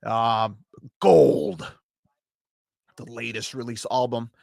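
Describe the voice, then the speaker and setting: A man's voice: medium pitch, slow, creaky, darkish tone, dry recording, studio quality. A man with a Chicago accent hosting a podcast, reviewing metal albums in an enthusiastic, profane, rambling way. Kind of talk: casual solo podcast review.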